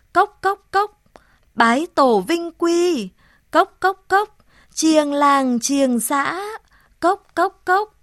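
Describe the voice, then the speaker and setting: A woman's voice: high voice, fairly bright tone, no room sound, studio quality, heavily acted. A woman voicing an old village crier who chants an announcement in a rhythmic sing-song with wooden knocking calls.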